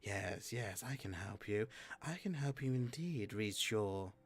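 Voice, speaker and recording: A man voicing a sly, courtly skeleton guide of the dead, in a slow, hushed, insinuating murmur. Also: lowish voice, expressive. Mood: sly, inviting.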